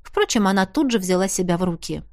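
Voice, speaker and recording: Woman audiobook narrator, measured, dry close mic. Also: medium pitch, expressive, a little mellow, dry recording. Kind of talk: scripted narration.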